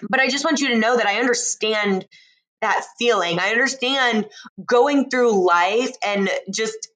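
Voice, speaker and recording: A woman talking casually and intimately to her listener in an unhurried, drawn-out way, reassuring and encouraging. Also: on the high side, a bit bright, poor audio. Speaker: host speaking to listeners. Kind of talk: intimate, casual motivational talk.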